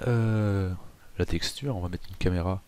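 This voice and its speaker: A man hosting a casual software tutorial, chatty with self-mocking asides and frequent hesitations. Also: low voice, moderate pace, clean tone. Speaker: tutorial host.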